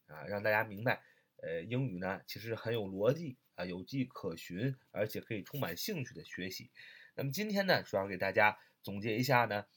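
A man's voice: lowish voice, animated, fairly quick, a bit bright. A man teaching English vocabulary in a recorded lesson with a Mandarin Chinese accent, patiently repeating words and spelling them out letter by letter.

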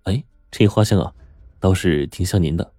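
A man's voice: low-pitched, normal speed, dark tone, no room sound, studio quality, faint music behind. A male storyteller voicing a casual, teasing young man. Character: bantering young man, mildly indignant.

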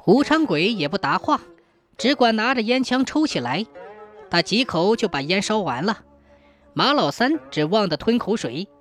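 Woman storyteller, super lively pitch, soft music behind. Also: normal speed. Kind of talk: scripted folk-tale narration. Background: faint background music.

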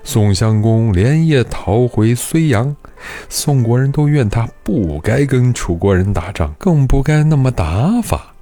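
A man narrating a historical story in an expressive, scripted reading. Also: medium pitch, unhurried, faint music behind.

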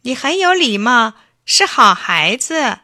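A woman voicing a cheerful, impatient little boy in a children's storybook reading, exclaiming in a high voice. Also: big pitch swings, slow, pushed and bright, no room sound, clean studio sound, full character voice. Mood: eager.

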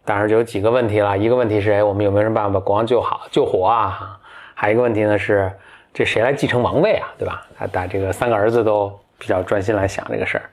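A man's voice: fairly low pitch, steady tone, fast talker. A man, a podcast host telling a fairy tale in a casual, chatty way. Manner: chatty, with many fillers and restarts. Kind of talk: casual storytelling.

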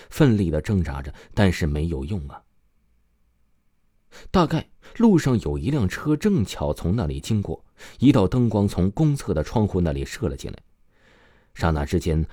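A man's voice: deep voice, dark tone, no room sound, studio quality. A man narrating a scripted true crime story as a dramatic storyteller, drawing out his phrase endings. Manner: dramatic storyteller phrasing with drawn-out sentence particles.

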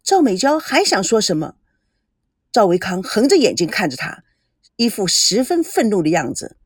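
A woman reading a novel aloud, expressive and switching into voices for each character. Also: medium pitch, moderate pace, breathy edge, no room sound, clean studio sound. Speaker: storyteller.

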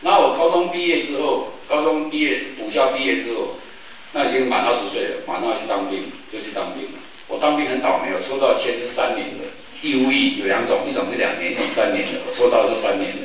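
An older man from Taiwan, telling stories at a public forum in a lively way and acting out the voices of the people in them. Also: medium pitch, quick pace. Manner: lively storyteller who acts out quoted voices. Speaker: forum speaker. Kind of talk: storytelling public talk. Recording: echoey hall, distant mic, background noise.

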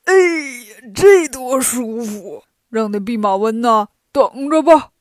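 A woman doing a whiny, gruff lazy pig-demon. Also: a little high, lively intonation, measured pace, dry recording, studio quality. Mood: grumbling. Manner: whiny, grumbling, loud and gruff. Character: boastful lazy greedy male pig-demon disciple. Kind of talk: children's storytelling.

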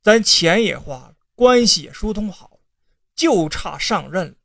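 A storyteller voicing a scheming old male secretary who pleads and persuades in a lowered, tearful voice. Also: expressive, moderate pace, creaky, fairly bright tone, dry recording, clean studio sound. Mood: pleading. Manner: persuasive, tearful, sudden outbursts. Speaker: con man posing as secretary.

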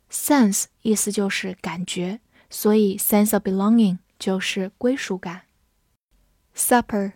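Slow, careful woman spelling English words. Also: medium pitch, darkish tone, no echo, clean studio sound. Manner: spells words letter by letter and reads slowly. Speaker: English vocabulary teacher. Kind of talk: scripted vocabulary lesson.

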